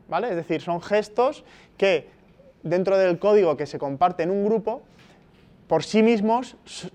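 This lecturer from Spain has a voice that sits high, a little mellow and clean in tone. Speaking Spanish from Spain, he walks his university class through the material step by step, often adding tag questions to check in.

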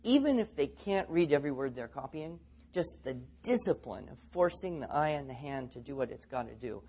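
A man's voice: mid-range voice, animated, fairly quick, warm tone, husky, dull audio. A man speaking at a teaching seminar, telling stories and acting out the quotes. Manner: storytelling, acts out quotes. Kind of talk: seminar talk with anecdotes.

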